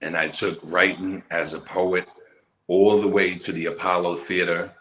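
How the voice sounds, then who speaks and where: Deep-voiced man, emphatic and roomy. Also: normal speed. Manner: emphatic, animated storytelling. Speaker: interview guest, musical poet. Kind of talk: casual conversational interview.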